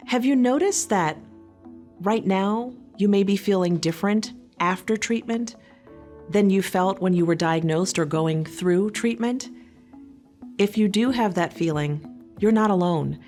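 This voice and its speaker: A woman social worker giving a calm, reassuring educational talk, speaking directly to the listener. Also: medium pitch.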